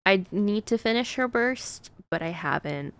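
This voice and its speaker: A woman streams a game and chats casually with her viewers, rambling along with lots of fillers. Her voice is medium in pitch and expressive, and she talks a little slowly.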